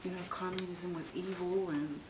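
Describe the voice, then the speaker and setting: Older woman veteran remembering, low voice, noisy recording. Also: steady tone, normal speed. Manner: old veteran remembering, informal. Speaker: interviewee, military veteran. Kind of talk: casual reminiscing in an interview. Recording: distant microphone, clearly noisy room.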